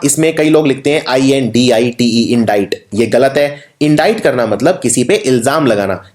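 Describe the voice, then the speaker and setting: A man with an Indian accent teaching English spelling for an exam, explaining each word slowly and spelling it letter by letter. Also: mid-range voice, darkish tone. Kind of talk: exam-prep spelling lesson. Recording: roomy echo.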